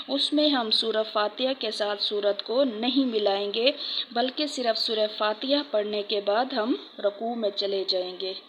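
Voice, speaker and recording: A woman's voice: fairly high pitch, a bit bright, dull audio, slight background noise. A woman teaching prayer steps in a patient instructional talk, repeating key points. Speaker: religious teacher.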